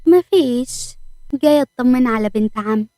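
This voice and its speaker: A woman's voice: on the high side, moderate pace, dark tone, no echo, close to an everyday voice. A woman with an Egyptian accent voicing a scheming young male cousin who talks smugly and teasingly. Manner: smug, teasing.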